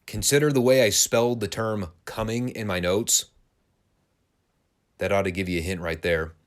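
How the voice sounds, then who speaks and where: A man's voice: fairly low pitch, steady tone, moderate pace. A man hosting a wrestling podcast, giving a casual, sarcastic and crude play-by-play review of an old broadcast. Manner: sarcastic, crude, dry humor.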